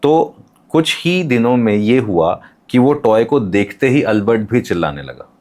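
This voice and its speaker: A man's voice: mid-range voice, very animated, a little slow, a little mellow. A man as a podcast guest, explaining ideas with examples and English terms.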